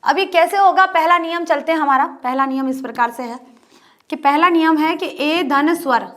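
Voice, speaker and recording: A woman's voice: sits high, moderate pace, fairly bright tone. A woman teacher explaining a grammar lesson step by step, often repeating points as rhetorical questions. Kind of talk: Hindi grammar lesson at a board.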